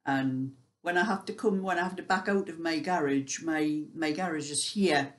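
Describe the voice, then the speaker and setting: A woman's voice: deep voice, normal speed. An elderly British woman of seventy-five chatting casually, telling everyday stories in a rambling, conversational way. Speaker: vlogger sharing everyday life. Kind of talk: casual chat.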